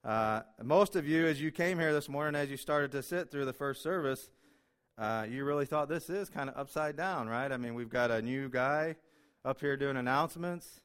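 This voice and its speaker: A man preaching from the pulpit of a church, speaking with a smooth, clear voice at an ordinary pitch. He is openly emotional, jokes about himself, and fills his talk with uh and um. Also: moderate pace, fairly bright tone. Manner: emotional, self-deprecating, with many fillers. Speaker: pastor. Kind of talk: sermon. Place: church sanctuary.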